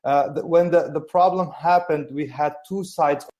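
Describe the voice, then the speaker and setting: A man from Syria with a Syrian accent, answering interview questions in halting English full of fillers and restarts; Kurdish is his first language. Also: on the high side, a little mellow. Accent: Syrian Arabic. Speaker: guest journalist.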